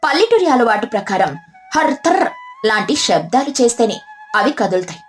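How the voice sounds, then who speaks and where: A woman narrating a scripted storybook cartoon in an even, descriptive way. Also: fairly high pitch, moderate pace, faint music behind.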